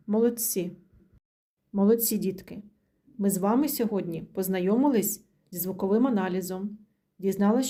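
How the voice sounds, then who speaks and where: A woman teaching young children their letters, sounding each letter out slowly and praising them often. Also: mid-range voice, mellow. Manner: slow, drawn-out sounding of letters; praising, encouraging. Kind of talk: children's literacy lesson.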